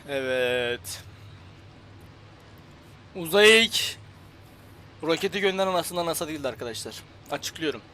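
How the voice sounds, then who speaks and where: A young Turkish man talks through a game on a headset, half joking, half grumbling, and now and then bursts out loud. His voice is bright and fairly high, with a faint hiss behind it. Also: fast, hardly any pauses. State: slight headache. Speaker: gaming YouTuber. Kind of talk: casual let's-play commentary.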